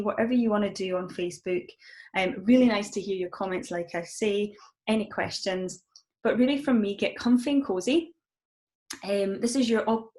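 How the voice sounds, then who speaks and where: Speaking in a mid-range voice, a mindfulness coach from Scotland guides a live-streamed session. Her Scottish-accented manner is gentle and encouraging, and she says um often.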